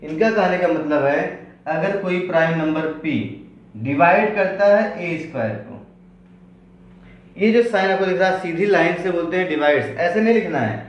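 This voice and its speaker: A man teaches maths in a very echoey room. His voice sits a little high, and he works through each point slowly, repeating it. He asks questions aloud and answers them himself. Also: animated, lo-fi sound. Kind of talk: classroom lesson.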